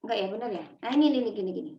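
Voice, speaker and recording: A woman teaching public speaking for children to parents in a lively workshop talk, demonstrating intonation as she explains. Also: fairly high pitch, racing, echoey room, highs cut off.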